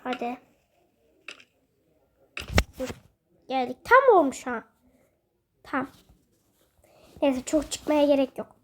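A woman's voice: sits high, animated, takes it slowly, long pauses, fairly bright tone. A woman giving casual let's-play commentary, chatty and self-mocking, often exclaiming at the game. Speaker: gaming video host.

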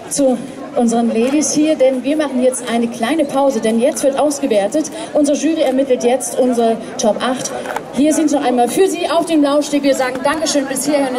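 A woman briskly announces contestants from an outdoor stage. Her high voice comes from some distance, with loud music and a crowd behind. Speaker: pageant host. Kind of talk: stage hosting.

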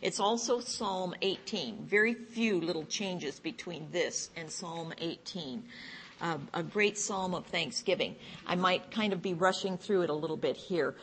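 A woman with a lowish voice teaches a church Bible class. She reads scripture aloud in slow, deliberate phrases and breaks off to put questions to the class. A faint hiss of room noise sits under her voice. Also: fairly bright tone.

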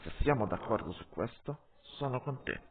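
A man's voice: mid-range voice, lively intonation, normal speed, close to an everyday voice. A man doing a firm, principled wolf. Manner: declaring, firm. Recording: tinny phone-like audio.

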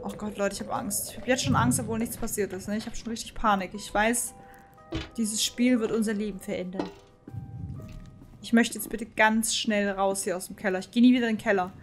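A woman's voice: medium pitch, steady tone, a little fast. A woman streamer giving live commentary on a horror game, jittery and talking to her chat, with frightened outbursts. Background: faint game music.

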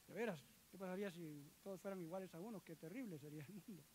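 High-voiced preacher. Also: male voice, fast talker, slight background noise. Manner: lively, joking with the congregation, acting out quoted voices. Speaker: church elder preaching. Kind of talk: sermon.

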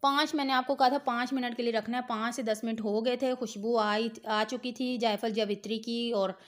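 A woman's voice: fairly high pitch, fairly even intonation, normal speed. A middle-aged woman, host of a cooking channel, giving step-by-step recipe narration in a patient, instructive way and speaking straight to the viewer. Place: home kitchen.

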